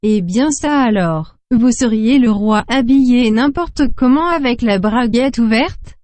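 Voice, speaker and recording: A woman's voice: fairly high pitch, animated, measured pace, a little mellow, dry recording. A woman voicing a prim female translation machine that speaks in formal, precise sentences. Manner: formal, precise, mechanical announcements.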